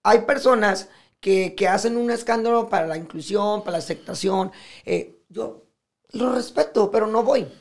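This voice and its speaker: Gravelly Mexican man, animated and profane. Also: high-pitched, moderate pace. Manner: animated, profane, acts out quoted speech. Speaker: podcast guest. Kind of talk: casual podcast conversation.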